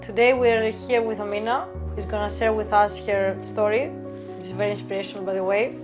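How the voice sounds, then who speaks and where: A woman hosting an interview, asking prepared-sounding questions in a measured way. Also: medium pitch, fairly even intonation, music in the background. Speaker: interview host.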